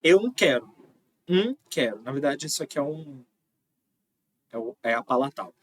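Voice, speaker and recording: A man teaches phonology in an online lecture, his voice a touch husky. He explains step by step and keeps checking in with his listeners. The sound is close and dry, with no room around it. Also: mid-range voice, lively intonation, brisk, fairly bright tone, dry recording. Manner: explains patiently, with frequent "tá?" checks. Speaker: linguistics teacher.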